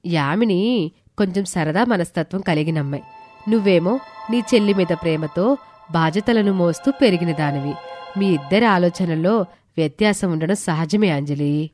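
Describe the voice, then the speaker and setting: A woman voicing a calm older female friend who gives gentle, measured advice in an audio story. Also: fairly low pitch, soft background music, natural voice. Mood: soothing. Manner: soothing and measured.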